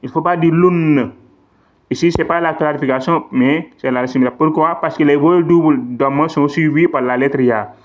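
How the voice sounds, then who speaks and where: In a slightly dull, lo-fi recording, a man whose voice sits on the high side explains tajwid rules for Quran recitation at a normal speed. It's a classroom-style lesson where he patiently goes over examples again and stretches out the Arabic words.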